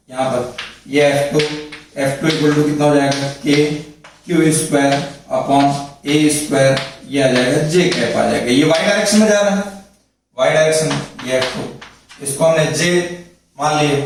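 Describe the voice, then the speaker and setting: A man's voice: a little high, slight background noise. A man teaching physics in a lecture, explaining step by step and often checking that students follow. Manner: explains step by step, repeats points, checks with "thik hai". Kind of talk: classroom lecture at a board. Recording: very echoey room, mic far off.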